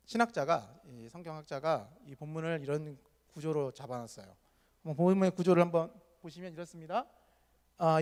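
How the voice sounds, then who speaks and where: High-voiced pastor preaching in a hall. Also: male voice. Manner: animated storytelling, acting out quoted characters. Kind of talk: sermon. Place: church hall. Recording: long hall reverb.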